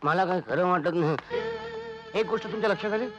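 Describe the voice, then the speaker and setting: A man's voice: sits high, quick pace, lo-fi sound, music in the background, close to an everyday voice. An actor playing a timid village man who stammers and pleads his way through trouble in the city. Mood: suspicious. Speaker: comic lead in a film. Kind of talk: comic film acting.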